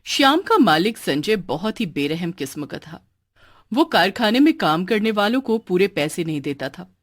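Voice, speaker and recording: A woman narrating a cartoon story in a scripted, expressive storytelling manner. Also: on the low side, normal speed.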